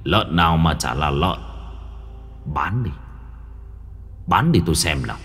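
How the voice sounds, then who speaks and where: A man voicing the gruff, deep-voiced ghost of a dead old man in a spoken ghost story. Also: expressive, measured pace, fairly bright tone, long reverb tail, soft background music, heavily acted.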